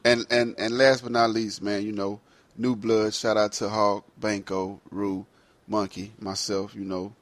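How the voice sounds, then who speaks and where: A man's voice: lowish voice, level tone, a little slow, dry recording. A man hosting a casual online sports talk show, wrapping up with laid-back, slangy banter. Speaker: podcast host. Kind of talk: casual chat.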